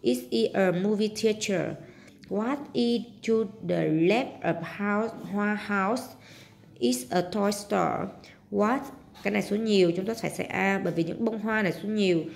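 A slightly slow, creaky mid-range female voice comes through with a little hiss or hum in the background. She speaks with a Southern Vietnamese accent, teaching a homework walkthrough by explaining step by step, translating English words and using sentence-end particles.

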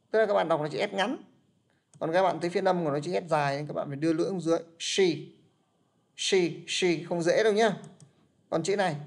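Guy teaching english in class, raspy gravelly voice, goes over stuff again and again. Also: a little high, darkish tone. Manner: explains patiently, repeats points, calls on students.

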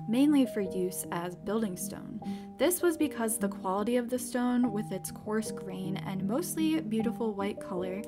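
A woman hosting a geology video, giving clear, upbeat scripted science narration. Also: medium pitch. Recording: background music under voice-over. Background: background music.

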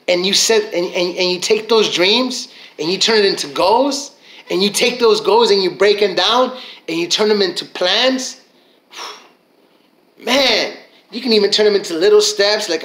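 A man's voice: high voice, fairly bright tone, reverberant, rough recording. A man giving a motivational talk, preaching and repeating his key phrases, acting out little inner voices as he goes. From Mexican heritage. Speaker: motivational speaker.

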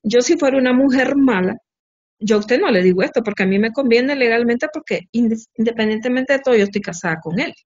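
A woman recounting a story in conversation, lively and full of tag questions. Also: on the high side, brisk. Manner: animated, with frequent tag questions. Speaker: interviewee. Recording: dull lo-fi recording.

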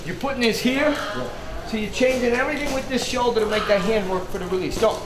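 A male boxing coach barks punch combos in short, clipped commands with brief bits of encouragement, his voice very high-pitched, steady and fast. A camera mic a few metres away picks him up in an echoey open gym with loud background noise.

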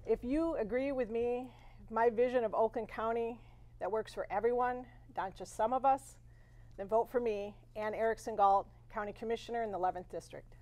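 A woman in her forties from western Michigan, giving an earnest campaign statement at a candidate forum, with frequent pauses on "uh". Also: medium pitch, darkish tone. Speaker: candidate for county commission.

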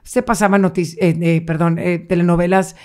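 Middle-aged woman, interview guest, lively storyteller. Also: on the low side, moderate pace. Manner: animated, acts out quoted voices, laughs often.

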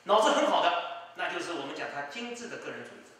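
A man's voice: on the high side, very animated, fast, a bit bright, a little hiss or hum. A man giving emphatic political commentary, with rhetorical asides to his listener. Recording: distant mic in an echoey room.

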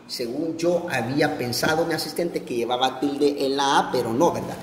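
A man's voice: medium pitch, normal speed, slight background noise. A man giving an informal math lesson, chatting with an assistant and counting the steps aloud. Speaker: math teacher. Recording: echoey room with long reverb.

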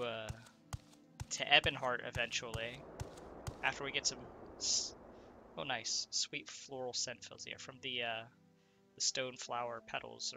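A let's-play gamer with a gravelly, mid-range voice chats casually through his gameplay, thinking aloud and asking himself questions as he goes. He sounds stuffed up and congested.

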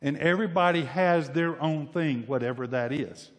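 Man, pastor, sermon, emphatic delivery, repeats words, raised pitch, long church reverb. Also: moderate pace. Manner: emphatic, repeats and restarts words, acts out imagined voices. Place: church sanctuary.

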